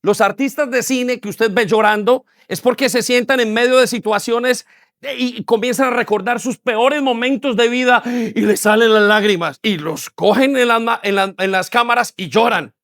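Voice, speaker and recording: A man's voice: extremely high pitch, normal speed, a bit bright, no echo, clean studio sound. A man, preaching a sermon as pastor with repeated phrases and rhetorical questions. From Colombia. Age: 40s. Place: church hall.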